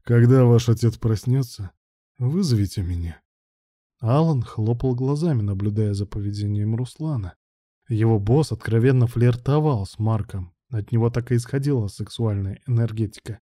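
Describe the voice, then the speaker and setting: Dark-voiced male audiobook narrator. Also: mid-range voice, no room sound, clean studio sound.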